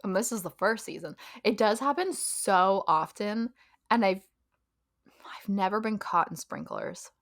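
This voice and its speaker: A woman's voice: medium pitch, unhurried, a bit bright, no echo, clean studio sound. A young woman co-hosting a podcast in casual chat, talkative and laughing often, trailing off with ums. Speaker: podcast co-host.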